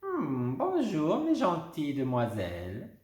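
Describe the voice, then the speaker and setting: A kindly old grandmother with a teasing streak, as a man reading a storybook puts her on. Her voice is soft and lilting, lifted above the reader's own, with a roomy echo. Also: a little high, huge pitch swings, takes it slowly, heavily acted. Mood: gentle. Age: older.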